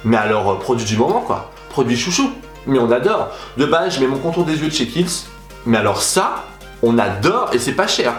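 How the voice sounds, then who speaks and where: A young man chatting animatedly as a beauty vlogger, gushing about his favorite products in a casual review. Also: medium pitch. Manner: animated, chatty, exaggerated enthusiasm. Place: room at home. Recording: echoey room with faint music.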